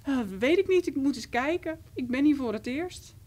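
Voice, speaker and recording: A shy, playful boy who fancies himself a king, speaking softly and a little bashfully, as a woman reads him aloud. His voice runs slightly high and swings up and down with childlike wonder. Storybook reading. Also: lively intonation, moderate pace. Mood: curious. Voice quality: soft, bashful.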